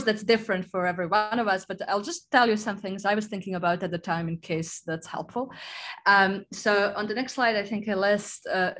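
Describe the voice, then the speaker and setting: A young woman from Croatia presents at a webinar over a video call. Her pitch sits in the middle, and she talks in a friendly way with hesitant fillers. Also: fairly bright tone. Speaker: research fellow speaker.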